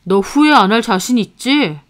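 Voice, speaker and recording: A woman's voice: fairly high pitch, expressive, normal speed, natural voice. A woman voicing a cold, dismissive husband who belittles his wife. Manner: curt and dismissive. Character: cold, belittling husband, young adult man.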